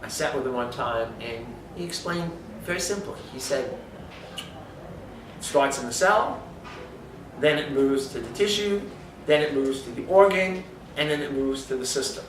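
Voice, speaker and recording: A man's voice: medium pitch, expressive, unhurried, recorded from a distance, slight background noise. Lecturing man in an echoey room. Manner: emphatic lecturing with rhetorical questions. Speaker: speaker on supplementation. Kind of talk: explanatory health talk.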